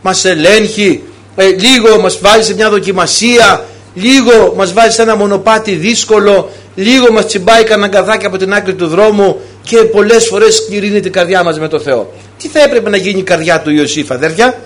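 A man with a notably high voice preaches, throwing out one rhetorical question after another. He acts out little conversations as he speaks, switching voices to make his point. It is a lively, pastoral way of talking. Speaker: priest. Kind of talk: sermon.

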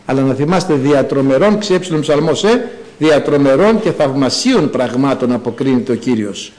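Preacher guy, kinda high voice, jumps way up when he gets into the story. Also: rough recording. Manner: animated storytelling with sudden high bursts. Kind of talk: sermon.

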